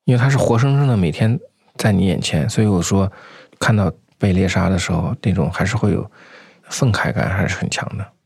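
A man with a deep, husky voice recounts his own experiences in an interview. He talks conversationally and haltingly, circling back over phrases, in a dry recording. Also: a little mellow, dry recording. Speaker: anti-poaching patroller, interview guest. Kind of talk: unscripted first-person storytelling.

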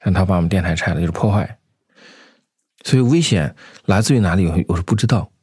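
Low, husky man telling stories from memory. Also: darkish tone, dry recording, clean studio sound. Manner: conversational, halting, repeats phrases. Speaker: anti-poaching patroller, interview guest. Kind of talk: unscripted first-person storytelling.

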